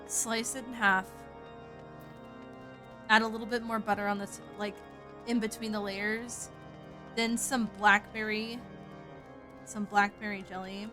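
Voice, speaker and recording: A woman with a light Southern accent from the American South chats casually while streaming a game, cursing freely and sounding animated. Her voice sits at medium pitch with a measured pace and long pauses, and faint music plays behind her.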